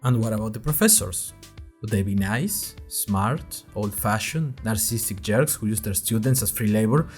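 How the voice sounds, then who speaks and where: Over background music, a man with a fairly low voice and lively intonation narrates at a moderate pace for an audio fiction podcast. He plays a young college student who is nervous and chatty, relating his tale in a wry, conversational manner with dramatic emphasis, as scripted first-person diary-style storytelling.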